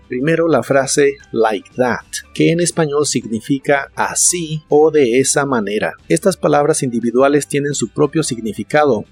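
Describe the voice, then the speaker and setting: A man of middle pitch narrates a scripted language lesson in a calm, steady teaching voice. He says each practice word slowly and clearly, twice over. A faint bed of music plays behind him. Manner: slow, carefully enunciated word repetitions. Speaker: English teacher.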